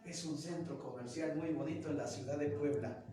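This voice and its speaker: Animated Mexican teacher in an echoey classroom. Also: male voice, a little high, normal speed. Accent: Mexican Spanish. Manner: animated, acts out quoted voices. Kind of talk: classroom lecture. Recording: echoey room from far off, faint noise.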